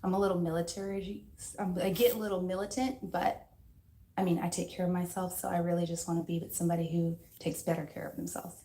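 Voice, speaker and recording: A woman's voice: lowish voice, level tone, fast, mellow. A woman of thirty, a nurse on a dating show, speaking earnestly and matter-of-factly. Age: 30s. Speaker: nurse, contestant.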